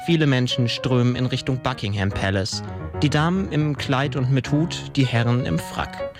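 A man's voice: medium pitch, normal speed. A man reading scripted narration as the storyteller of an audio drama. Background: music.

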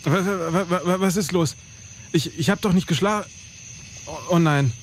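Man playing a stammering, breathless, high-voiced panicky soldier. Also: normal speed, slight background noise. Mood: flustered panic. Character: flustered, devout young-sounding soldier, bumbling and easily frightened. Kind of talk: dramatic audio play.

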